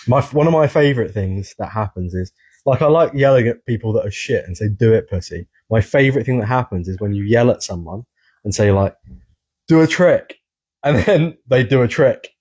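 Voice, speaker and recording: Brief: man, podcast co-host, husky tone, lively swearing banter. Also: mid-range voice, fairly quick. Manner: animated, swearing storyteller. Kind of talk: casual podcast chat.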